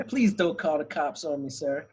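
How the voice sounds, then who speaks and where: A man voicing his elderly Baptist grandmother, flustered, polite and pleading, in a soft voice. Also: on the high side, breathy edge, exaggerated voice.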